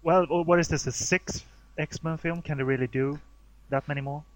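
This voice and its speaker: A man's voice: fairly high pitch, fairly even intonation, normal speed, no echo. A man co-hosting a casual chat, offhand with dry remarks. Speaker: podcast co-host.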